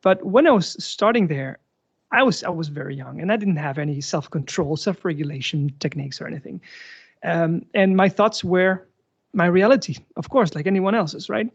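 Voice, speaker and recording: A fairly high-voiced man from Argentina hosts a relaxed conversational interview, sharing stories with plenty of ums and self-corrections. He sounds like he is in his thirties. The audio is dull and slightly muffled. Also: moderate pace, creaky, slightly rough. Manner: thoughtful, many fillers and restarts. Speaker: interviewer, host.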